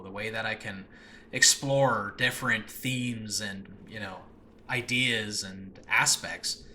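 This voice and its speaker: His mid-range voice sounds pushed and bright as he hosts a solo, casual podcast, rambling off the cuff with enthusiasm and frequent self-interruptions. He writes and performs audio dramas, and records in a room of his new home that has no regular recording space, with faint background noise.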